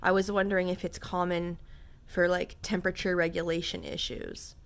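A young woman talks straight to her viewers in a loose, rambling way, full of "like" and "um". Her voice sits a little low for a woman, and she shares things openly and candidly. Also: little pitch movement, moderate pace, vocal fry. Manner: rambling, candid, frequent fillers. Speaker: vlogger talking to viewers. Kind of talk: casual chat to camera.

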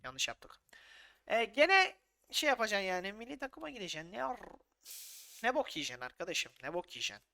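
Excitable, bright-voiced gaming commentator man. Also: high voice, brisk, gravelly. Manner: excitable, swears freely, talks back to the players, calls the match like a commentator. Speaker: gaming YouTuber. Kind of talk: casual gameplay commentary.

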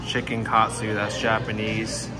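Loud music plays behind a food vlogger whose fairly low voice is completely flat and a little slow. Even so, he savors each bite with enthusiastic remarks as he tastes dish after dish at a roadside restaurant in a hot desert town, narrating casually.

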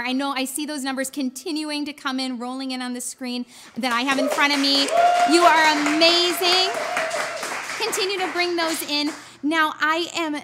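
On a studio set, a woman in her thirties with a slightly high, somewhat bright voice hosts a live fundraising auction as auctioneer and gala host. She is chatty and encouraging, urging people to keep bidding.

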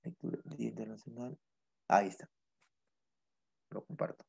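A man's voice: fairly low pitch, moderate pace, vocal fry, darkish tone, slightly rough. A male teacher giving an online class through his laptop, explaining patiently and often checking in with the students. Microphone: laptop microphone.

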